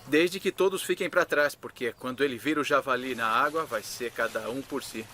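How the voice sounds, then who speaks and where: A man's voice: mid-range voice, fairly quick, bright, forceful tone, natural voice. An actor voicing a casual, wry alligator handler, a man in a dubbed nature documentary. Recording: noisy, outdoor ambience behind.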